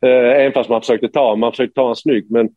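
A man from Sweden, a former hockey player, telling an animated anecdote with many restarts. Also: medium pitch, no room sound, narrow, tinny audio. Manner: animated storyteller, many restarts, quotes others.

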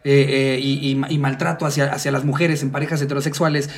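A man's voice: medium pitch, level tone. A man with a Mexican Spanish accent in casual podcast talk, arguing his point and pushing back on the others. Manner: argumentative, quick to push back.

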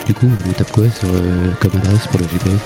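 A man's voice: sits low, little pitch movement, brisk, music in the background, lightly acted. A man playing a gushing, clueless co-reporter in a parody live TV report. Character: gushing, clueless male red-carpet co-reporter. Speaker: mock red-carpet co-reporter.

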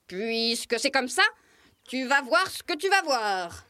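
A woman's voice: high voice, sing-song, slow, pushed and bright, dry recording, clean studio sound, heavily acted. A woman voicing a proud, stubborn and bossy male rooster in a children's storybook recording. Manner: pompous, commanding. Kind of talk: storybook acting.

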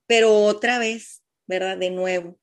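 A middle-aged woman with a Mexican Spanish accent telling the listeners her personal cancer story in a heartfelt, halting way. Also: medium pitch, fairly even intonation. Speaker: breast cancer patient sharing her story. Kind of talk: emotional personal testimony.

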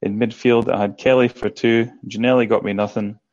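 Scottish male podcast panelist, fairly low pitch, casual chat, dull lo-fi call audio. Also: steady tone, a little fast, a little mellow.

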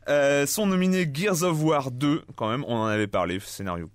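A man's voice: a little high, normal speed, dry recording, studio quality. A man hosting a casual video game podcast, joking and laughing with his co-hosts. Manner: laughs often, jokey. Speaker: host.

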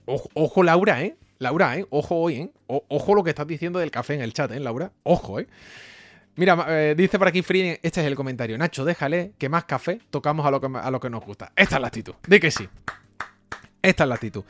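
A young man with a Spain Spanish accent, streaming and reading his live chat in a joking, animated way, often laughing and repeating exclamations. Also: fairly high pitch, quick pace, dry recording. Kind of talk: casual livestream chat.

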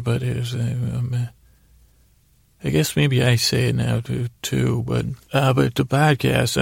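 Close to the microphone, a gravelly, creaky-voiced middle-aged man rambles through a silly sleep-podcast bedtime monologue, halting, repeating himself, tossing in absurd asides and trailing off mid-thought. His medium-pitched voice has a darkish tone and no echo.

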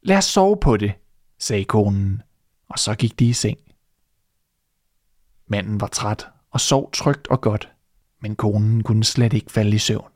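A man reading a fairy tale aloud as storyteller, in steady narration. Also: lowish voice, long pauses, no echo, studio quality.

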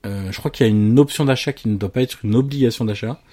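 A man's voice: medium pitch, fast talker, warm tone, breathy edge. A man co-hosting a casual football podcast, hesitant with many fillers and teasing his partner. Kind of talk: casual chat about Italian football.

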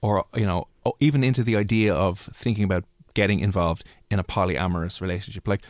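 A man's voice: low-pitched, quick pace, no room sound, studio quality. A man with an Irish accent hosting a radio show and promoting competitions in a chatty, informal way. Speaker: radio host.

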